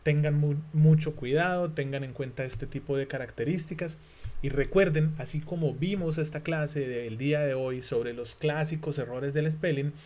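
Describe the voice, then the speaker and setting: A man from Latin America, a native Spanish speaker, teaching an English exam lesson in a relaxed, chatty way, thinking aloud with many fillers and restarts. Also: on the high side, normal speed. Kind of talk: casual online lesson.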